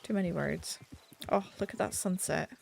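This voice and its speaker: With a lowish, darkish, slightly nasal voice marked by vocal fry, a woman talks at normal speed while streaming a game. Her casual commentary leans self-deprecating; there's no echo, and her desk mic sits a bit back.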